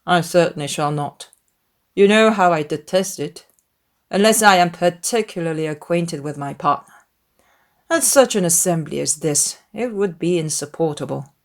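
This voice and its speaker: A woman voicing a proud, aloof gentleman in a dramatized audiobook, speaking in a cold, formal manner. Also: on the low side, expressive, moderate pace. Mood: disdainful.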